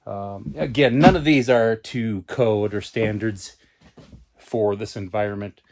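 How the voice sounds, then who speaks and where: A man with a lowish voice speaks at a measured pace, chatting casually to the camera in a vlog. He stays relaxed as he explains the build of his own off-grid cabin along the way.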